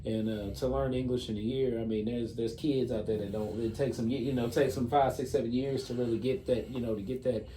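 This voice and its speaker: Mellow man interviewer, roomy and distant. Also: mid-range voice, fairly even intonation, a little fast, hardly any pauses. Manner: affirming, rambling with restarts. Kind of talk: casual interview. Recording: roomy, distant mic with background hum.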